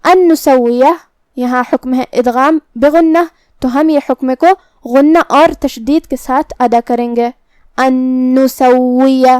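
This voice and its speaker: Female recitation teacher, high clear voice, careful measured delivery, dry close mic. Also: a little mellow, no room sound. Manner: slow, careful explanation of pronunciation rules. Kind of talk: tajweed lesson, explaining then reciting.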